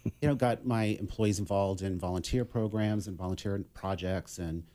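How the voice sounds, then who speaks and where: Low-voiced man from Massachusetts. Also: moderate pace. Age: middle-aged. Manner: relaxed, conversational, many fillers. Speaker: guest, business consultant. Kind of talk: casual radio interview.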